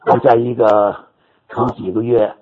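An older man preacher telling a story in his sermon, animated and repetitive, rising to sudden high exclamations. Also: a little slow. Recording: dull lo-fi recording with audience noise.

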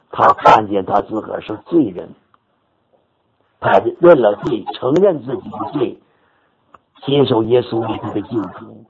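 Older man, preacher, sermon storytelling, animated, repetitive phrasing, lively pitch. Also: vocal fry. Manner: animated, repetitive storytelling with sudden high exclamations. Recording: dull lo-fi recording with audience noise.

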